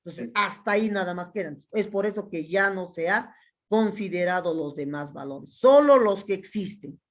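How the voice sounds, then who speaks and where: A Peruvian woman with a Peruvian Spanish accent teaches a chemistry class, working through exercises and counting step by step. She often poses questions to her students and answers them herself, speaking at normal speed in an expressive, medium-pitched voice.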